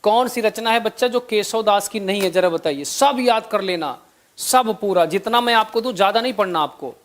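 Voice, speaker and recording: A young man with a high voice teaches a live online exam-prep class. He quizzes his students, repeats each answer and drops chatty asides between questions. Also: normal speed.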